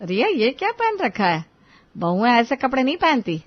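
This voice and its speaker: A woman's voice: a little high, very animated, moderate pace, dry recording, lo-fi sound, voice pushed up. A woman voicing a strict, easily offended middle-aged mother-in-law with a scolding manner. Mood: disapproving. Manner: scolding, stern.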